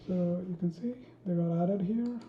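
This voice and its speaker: A woman walks through a programming tutorial at an unhurried pace, thinking aloud and stopping often for ums and restarts. Her voice sits on the low side for a woman. The recording is dull and roomy, with keyboard typing behind her. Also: slight background noise. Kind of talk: screen-recorded coding tutorial.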